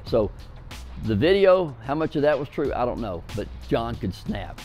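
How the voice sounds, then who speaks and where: A man's voice: mid-range voice, very animated, normal speed, loud music behind the voice. Man recalling a former player. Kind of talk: documentary interview.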